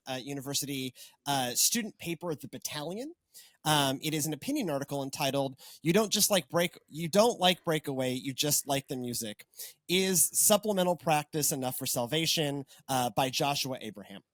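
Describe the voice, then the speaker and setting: A man's voice: a little high, fairly bright tone, dry recording. A man in his twenties or thirties, a pastor hosting a podcast, in casual chat, rambling and wry with many fillers and restarts. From Texas.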